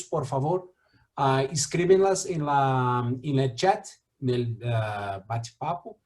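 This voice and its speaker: A Brazilian man, a native Portuguese speaker with a Brazilian Portuguese accent, acts as mediator introducing a guest speaker in halting Spanish. His voice is on the high side and warm, full of fillers and restarts.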